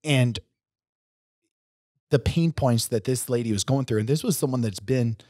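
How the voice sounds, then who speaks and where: A forties-aged podcast co-host with a warm, mid-range voice speaks at normal speed, emphatic as a coach giving a pep talk on a business show. He's using a boom-arm studio mic and headphones in a gym, with no room sound.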